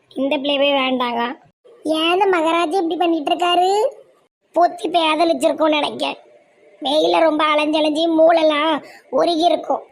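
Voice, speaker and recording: A woman's voice: sits high, a little hiss or hum. A woman with a Tirunelveli Tamil accent voicing a blunt, gossiping middle-aged village aunt in a cartoon, mocking and slangy. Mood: scornful.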